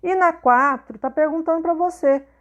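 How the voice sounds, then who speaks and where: Brazilian lady teacher, high voice, patient, keeps asking "right?" and going over each step again. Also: moderate pace, muffled recording, faint music behind. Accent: Brazilian Portuguese, not southern. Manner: patient, repeats questions with frequent "né?" and "tá?". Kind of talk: explanatory video lesson.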